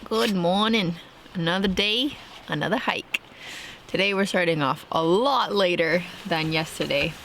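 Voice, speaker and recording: A woman's voice: fairly low pitch, a little slow, gravelly, noisy background. A young woman narrating her travel vlog in a chatty, upbeat way, laughing often. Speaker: travel vlogger. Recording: background music under voice.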